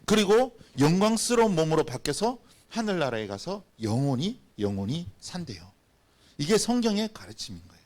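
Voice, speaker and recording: A man pastor giving a lively, playful children's sermon and having the children repeat after him. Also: a little high, normal speed. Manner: animated, playful, acts out little scenes.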